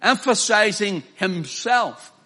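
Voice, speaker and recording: Man, preacher, high bright voice, emphatic sermon delivery. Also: expressive, slow. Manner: emphatic, swings from loud declaiming to quiet pleading.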